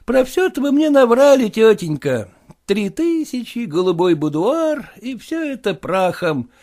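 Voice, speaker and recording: A man's voice: high voice, very animated, unhurried, a little mellow, pitched above the performer's own voice, heavily acted. A man voicing a young male suitor who sounds fawning and whiny. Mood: pleading. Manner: pleading, deferential, whiny.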